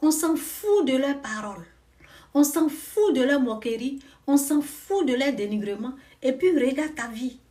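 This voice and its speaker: A woman's voice: high-pitched, animated, measured pace, recorded from a distance. Emphatic woman preacher. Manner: emphatic, repeats rhetorical questions, swings from loud to quiet. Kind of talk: fervent spiritual exhortation.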